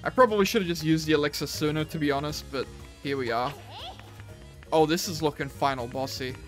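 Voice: mid-range voice, fairly quick, faint music behind. A gamer giving casual, reactive commentary while playing, swearing and exclaiming at the game as they talk to themselves. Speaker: video game streamer.

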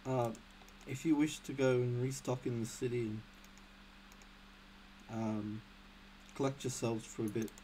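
A man running a tabletop game as game master, narrating casually and hesitantly, pausing as he goes. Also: medium pitch, fairly even intonation, noisy background.

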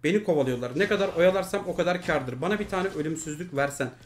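Man streaming, yelling at teammates. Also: a little high, expressive, quick pace, slight background noise. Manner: swings from muttering to furious shouting at teammates; swears and scolds teammates. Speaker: mobile game streamer. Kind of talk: live gameplay commentary.

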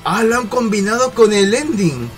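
A young man from reacts to anime in an emotional, exclamatory way, swinging between cries and murmurs. His voice sits a little high. Faint music plays in the background. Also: lively intonation, normal speed. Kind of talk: excited reaction commentary.

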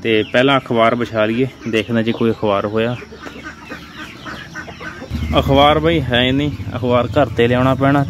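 Here a young adult man with a Punjabi accent from India vlogs casually from a poultry farm, speaking to viewers on his phone as friends. His voice is mid-range. Around the sheds and yard, chickens cluck and birds chirp, leaving the recording noisy.

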